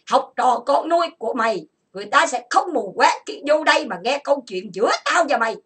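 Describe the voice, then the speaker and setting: Angry woman from vietnam hosting a chat room, shrill sharp voice, yelling insults nonstop. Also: slightly rough. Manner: furious, insulting, listing grievances in rapid bursts. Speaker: online chat room host. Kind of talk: angry ranting monologue.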